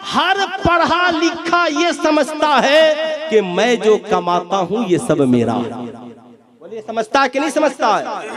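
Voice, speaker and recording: A man preaching a sermon to a crowd, telling homely stories, asking the listeners to answer back, and swelling to shouted peaks. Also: fairly high pitch. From Bihar, India. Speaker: Islamic preacher. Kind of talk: sermon at a religious gathering. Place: stage at a crowded public religious gathering. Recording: live crowd gathering audio. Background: crowd murmur and reactions.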